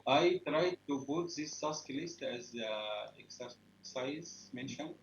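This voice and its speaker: A man on a conference call, a trainee asking for help in a remote session, talking in a hesitant, halting way. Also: medium pitch, lively intonation, a little hiss or hum. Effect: voice coming over a conference call. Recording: dull lo-fi call audio.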